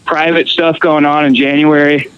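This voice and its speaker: A Costa Rican man, a guest musician, tells fishing and travel stories in a relaxed, casual chat full of fillers and restarts. His voice sits a little high and moves at a moderate pace. The recording has its highs cut off and carries a slight hiss or hum.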